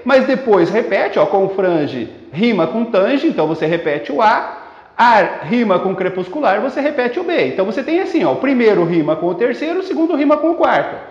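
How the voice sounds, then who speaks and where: A man with a Brazilian Portuguese accent teaching a poetry lesson for exam students, explaining step by step and slowing down to read verses aloud. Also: high voice, big pitch swings. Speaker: literature teacher. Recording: roomy echo, dull lo-fi sound.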